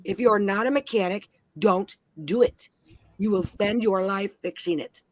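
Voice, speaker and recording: A woman's voice: mid-range voice, moderate pace, no echo. A woman from Minnesota on a panel, telling blunt, heavily profane stories in casual chat. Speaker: panel guest.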